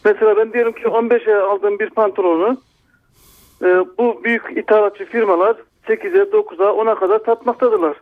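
A shopkeeper calling a radio show over a landline phone, speaking in slow, halting phrases. His voice sits high for a man, and the line sounds thin and dry, like a phone. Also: steady tone, dry recording, narrow, tinny audio. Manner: halting, slow, many pauses.

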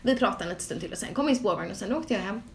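A young woman, co-hosting a podcast and telling a story in casual chat, acting out the quotes as she goes. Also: mid-range voice. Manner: animated storytelling with acted-out quotes. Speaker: podcast co-host.

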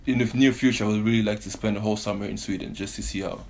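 A man who grew up in Belgium and Canada, a professional basketball player speaking as a podcast guest in a relaxed way, laughing easily. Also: fairly low pitch, rapid-fire, vocal fry. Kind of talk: casual interview.

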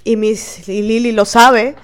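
Speaking slowly in a clear, resonant, fairly high voice with a level tone, this podcast host has a Mexican accent. Her reflective talk is earnest and emphatic, full of questions directed at herself and at others.

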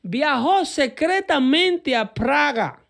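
Male co-host, gravelly, animated commentary. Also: very high voice, slow. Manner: animated, talks over clips, repeats words. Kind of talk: casual political commentary over clips.

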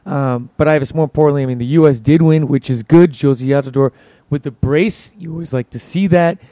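A man hosting a sports podcast in casual, joking banter, his voice hoarse and worn out from yelling. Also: on the high side, a little fast, no room sound.

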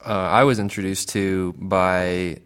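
Male podcast co-host, very low and resonant, laid-back delivery. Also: slow, clean tone. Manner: relaxed, reads out film listings with many fillers. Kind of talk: casual podcast chat.

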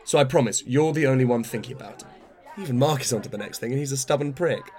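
A male actor lightly plays a wry, self-absorbed theatre man of middle to older age in a radio play, with natural dialogue. Chatty and self-deprecating, he rambles through his opinions very quickly at a middling pitch, with a patronising edge and a darkish tone, while some chatter sounds behind him.

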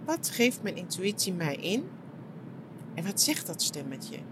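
A middle-aged woman talking reflectively about her retreat, soft and searching, with many fillers and restarts. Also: lowish voice, big pitch swings, measured pace, background noise. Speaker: shiatsu practitioner and podcast host. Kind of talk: reflective personal monologue.

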